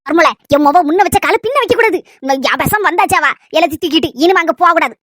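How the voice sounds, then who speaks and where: Young woman doing a nosy old mother-in-law, kanyakumari accent, fast and high, meddling and complaining. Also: animated, a bit bright. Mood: boastful. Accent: Kanyakumari Tamil. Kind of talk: comedy sketch acting.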